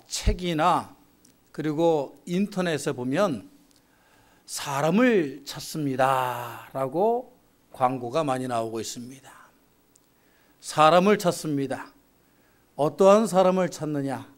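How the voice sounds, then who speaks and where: Slow, high-voiced male preacher. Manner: measured, rhetorical questions to the congregation. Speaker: pastor. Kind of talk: sermon. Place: church sanctuary.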